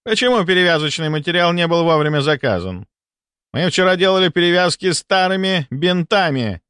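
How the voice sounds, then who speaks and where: A man voicing a shrill, bullying middle-aged male hospital deputy chief in an audiobook, with a hectoring, indignant manner. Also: expressive, fairly quick, fairly bright tone, clean tone, no echo, studio quality. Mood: scolding. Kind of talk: audiobook character voice.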